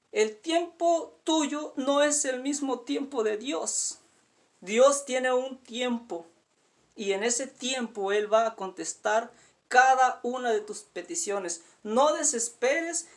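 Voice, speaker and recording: A man delivers a sermon in a gravelly, rough-edged voice. He pleads with his listeners as dear friends and drives points home by repeating words. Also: sits high. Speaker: preacher.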